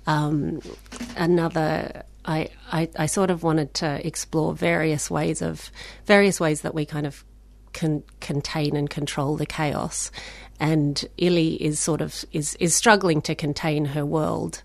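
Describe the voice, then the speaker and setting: A woman author answers questions about her novel. She talks slowly and thoughtfully, pausing often. Her voice is very low and gravelly, recorded close and dry. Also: level tone, dry recording. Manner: measured and reflective, with many fillers. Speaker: author being interviewed.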